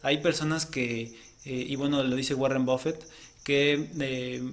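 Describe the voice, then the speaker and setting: A man's voice: medium pitch, fairly even intonation, a little slow. A man co-hosting a casual podcast, explaining at length and often ending points with a questioning tag. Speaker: podcast co-host.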